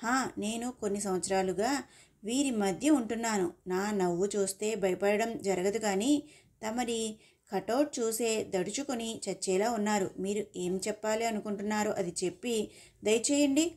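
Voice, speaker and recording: Woman reading as a snappy, sarcastic young heroine with a mellow tone, storybook style. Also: medium pitch, moderate pace, natural voice. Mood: irritated. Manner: scolding, sarcastic. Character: sharp-tongued young woman, quick to snap.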